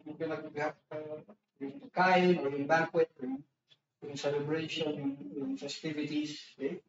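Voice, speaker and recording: Preacher in an echoey church hall, off-mic. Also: male voice, a little high, level tone, measured pace, distant mic, muffled recording, slight background noise. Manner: conversational, mixes Tagalog and English, frequent restarts and tag questions. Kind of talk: sermon.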